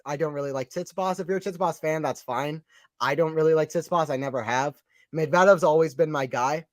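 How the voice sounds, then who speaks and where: A man's voice: on the high side, no room sound, clean studio sound. A young man doing casual live tennis play-by-play, chatting with viewers and reading the chat aloud. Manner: chatty, reads chat aloud, quick excited calls. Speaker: live stream commentator.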